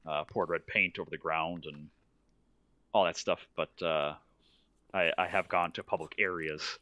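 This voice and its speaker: A man who is a vegan guest, calmly explaining his views in a casual debate. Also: low voice, a little slow, no echo.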